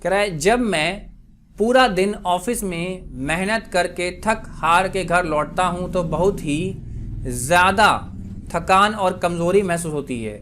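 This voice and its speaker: Indian man teaching English vocabulary slowly. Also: sits high, fairly bright tone, slight background noise. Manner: reads English examples slowly and deliberately, quick Hindi asides. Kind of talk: vocabulary lesson.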